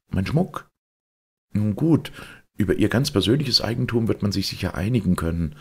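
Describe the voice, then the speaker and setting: A man's voice: lowish voice, creaky, slightly rough, pitched above the performer's own voice, full character voice. A man voicing an indignant elderly lady of the house who tells her story fretfully and scolds her maid.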